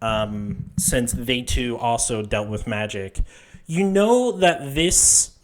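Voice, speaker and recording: A man narrating as game master, describing scenes in a loose, meandering way. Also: medium pitch.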